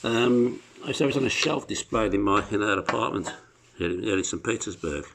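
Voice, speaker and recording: There's a noisy background as a private seller shows his item in his apartment living room, filming it himself on a handheld phone. He talks fairly quickly in a gravelly, fairly low voice, rambling and hesitating through the casual, unscripted demonstration.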